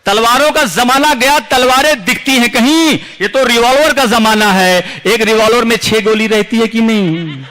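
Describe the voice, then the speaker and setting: The audio is poor as an Indian poet at a big outdoor recital declaims his own verse, mixing humor with seriousness and repeating lines for effect. His very high, sharp voice keeps a moderate pace with hardly any pauses.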